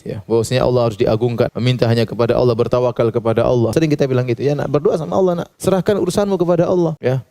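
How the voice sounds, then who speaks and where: A man preaching a sermon to an audience. He adds "ya" after his points and acts out scolding parents for laughs. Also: medium pitch. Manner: lively, mimics parents' scolding with humor, frequent "ya".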